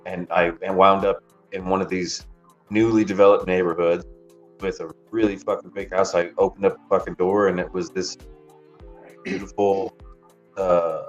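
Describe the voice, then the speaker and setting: A man with a low voice chats casually on a stream, rambling through profane stories and laughing often. The audio is dull and lo-fi, with faint music playing behind him. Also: level tone, moderate pace. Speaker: streamer, delivery driver. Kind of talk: casual chat, storytelling.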